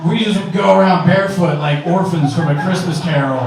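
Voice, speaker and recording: A man's voice: high voice, fairly quick, gravelly, crowd noise. A man in his forties performing a stand-up set in a wry, conversational, punchy way. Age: 40s. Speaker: stand-up comedian. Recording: very echoey room, distant mic, faint ambience.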